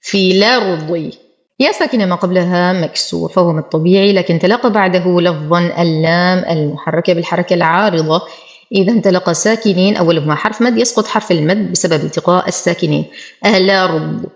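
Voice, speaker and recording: A woman with a fairly low voice teaches Quran recitation step by step. She explains each pronunciation rule at a brisk clip, then recites the words slowly and carefully. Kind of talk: tajweed lesson with slow recited examples.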